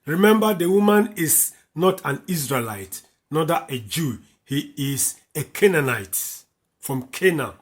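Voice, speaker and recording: Reading Bible verses aloud and then explaining them, this West African man repeats the key lines as he teaches. His voice is a little high and expressive, and he takes his time in this slow, repetitive commentary.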